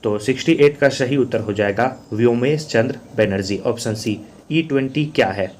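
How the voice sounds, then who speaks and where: A man's voice: medium pitch, moderate pace, a little mellow, a little hiss or hum. A man teaching as an exam coach, working through quiz questions and answers in a repetitive, drilling manner. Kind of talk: quiz answer walkthrough lesson.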